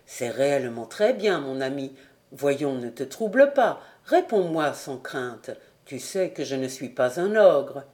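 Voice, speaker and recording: Woman putting on a kind paternal boss man, lowish voice, calm and reassuring, storybook reading. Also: measured pace. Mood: fatherly. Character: kindly older male factory director. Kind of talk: audiobook character voice.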